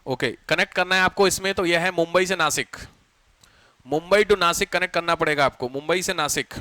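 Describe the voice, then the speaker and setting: Male teacher, a little high, bright and forceful, dry close sound, chatty classroom lecture, quizzes students. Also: clean tone, no room sound. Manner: chatty, tells anecdotes, asks students questions; dictates notes slowly.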